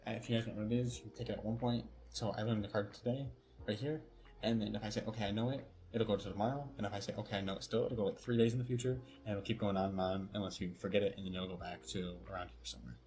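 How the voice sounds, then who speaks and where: A young man talking casually to camera in a devlog, relaxed and rambling as he explains his work. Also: on the low side. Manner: relaxed, rambling, self-correcting. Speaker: vlogger and self-taught developer.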